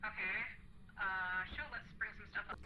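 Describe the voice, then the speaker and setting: A man's voice: sits high, flat delivery, moderate pace, muffled recording. A man chatting casually while gaming, easily startled and swearing when scared. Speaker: streamer. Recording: loud background noise.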